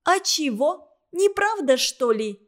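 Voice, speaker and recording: A woman voicing a sharp-tongued, cheeky orphan girl in an audiobook, talking loud and sarcastic. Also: high voice, big pitch swings, slow pace, voice pushed up, exaggerated voice. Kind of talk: audiobook character voice.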